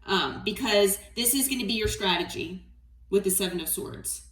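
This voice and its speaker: With a mid-range voice at a moderate pace, a tarot reader walks her audience through a reading in a kind, encouraging manner, regularly checking in with "okay?" Her mic is set back, giving the recording a roomy sound.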